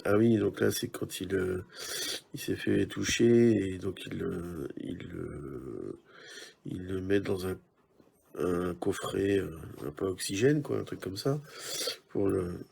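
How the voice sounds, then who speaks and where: Slow gravelly man chatting over cards. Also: low voice, a little mellow. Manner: chatty, musing aloud, hesitant with many fillers. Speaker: card collector opening packs. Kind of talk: casual card-opening commentary.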